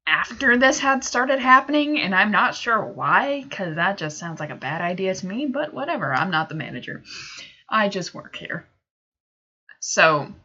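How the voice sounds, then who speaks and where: Young woman rambling through a storytime, lots of "you know", bright voice, muffled lo-fi audio. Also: on the low side. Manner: rambling, with many fillers and asides. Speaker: video creator. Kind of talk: casual storytime narration.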